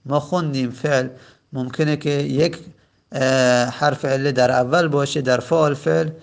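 A gravelly-voiced man gives a patient grammar lecture. His pitch sits a little high. He repeats each form slowly and fills pauses with hesitant sounds. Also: steady tone. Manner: patient, repeats forms slowly and spells them out; hesitant fillers between points. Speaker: teacher. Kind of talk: lecture on Arabic verb morphology.

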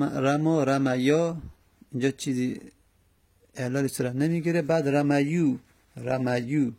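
A man's voice: mid-range voice, a little mellow. A man teaching an Arabic morphology lesson, carefully working through verb forms and repeating each one aloud.

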